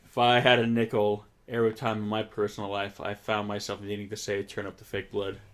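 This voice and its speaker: A man's voice: on the low side, completely flat delivery, brisk, a bit bright. A man co-hosting a casual movie commentary, rambling and joking as he explains his points. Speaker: podcast co-host.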